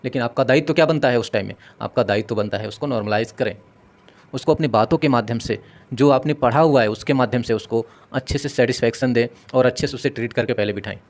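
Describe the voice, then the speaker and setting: A man's voice: medium pitch, fast talker. Earnest male medical instructor. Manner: earnest, repetitive, acts out sample dialogues. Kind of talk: lecture to paramedical staff.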